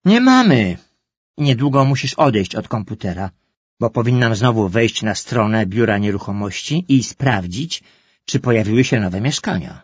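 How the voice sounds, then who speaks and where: A man's voice: fairly low pitch, moderate pace, husky, no room sound. Firm, practical mother, middle-aged, patient but weary; male narrator puts her on in a dull, dry storybook recording.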